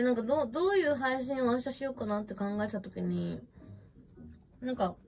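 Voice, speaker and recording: A woman's voice: fairly high pitch, husky. A young woman chatting casually on a livestream while eating, rambling and answering viewer comments, recorded on a smartphone at home. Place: messy room at home.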